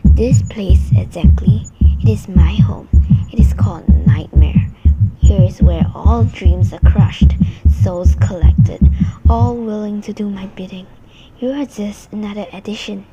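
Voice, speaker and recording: A woman voicing a sinister, deep-voiced entity that rules a nightmare realm, taunting and menacing, over background noise. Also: expressive, unhurried, highs cut off.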